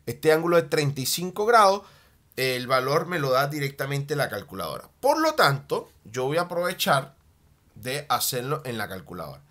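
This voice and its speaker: A man teaching a math lesson at a board, animated, often checking in with a quick "ok?" and slowing down on key terms as he writes. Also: medium pitch. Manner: slows down and stretches key terms while writing.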